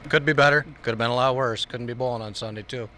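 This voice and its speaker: A man's voice: mid-range voice, fairly even intonation, fast talker, bright, forceful tone, slight background noise. A man who finished third in a bowling tournament, laid-back and joking about his loss. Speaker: third-place bowler, last year's champion. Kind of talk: casual post-match interview.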